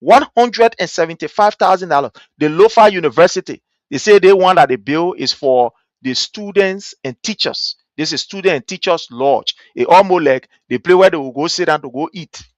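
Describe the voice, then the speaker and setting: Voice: medium pitch, moderate pace, hardly any pauses, no echo. A political commentary host from Liberia with a Liberian accent, speaking indignantly and mockingly to an audience with rhetorical questions and emphatic repetition.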